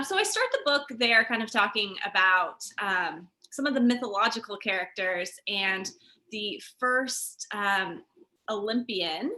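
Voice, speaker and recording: Bright-voiced woman guest explaining history. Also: medium pitch. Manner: animated, explanatory, with frequent fillers. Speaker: author and guest. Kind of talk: conversational interview.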